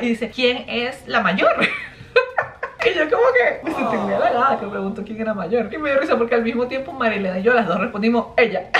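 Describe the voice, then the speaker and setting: A woman's voice: medium pitch, fairly bright tone, echoey room, recorded from a distance, slight background noise. A woman from Venezuela with a Venezuelan Spanish accent, chatting casually in a vlog, bubbly and laughing often. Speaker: vlogger.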